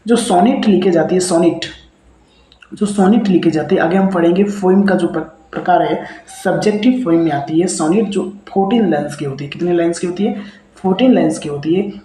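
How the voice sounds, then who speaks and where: A man's voice: sits high, a little fast, mellow. Man teaching in an echoey room. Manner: repeats points as questions and answers them. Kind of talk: lecture on poetic meter.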